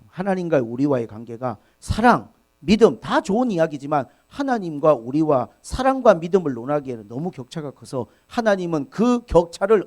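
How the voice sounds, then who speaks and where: A man preaching a Sunday church sermon in a fairly high voice whose pitch rises and falls a great deal. He talks straight to the congregation, earnest and emphatic. He keeps coming back to key words and repeating them. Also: darkish tone. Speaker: pastor.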